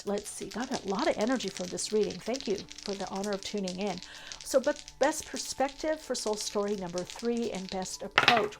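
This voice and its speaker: A woman giving a tarot reading for viewers, her voice sitting in an ordinary middle register. She talks in a flowing, spiritual way, running through long lists with small fillers. Light music plays faintly under her. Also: mid-range voice. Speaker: tarot reader.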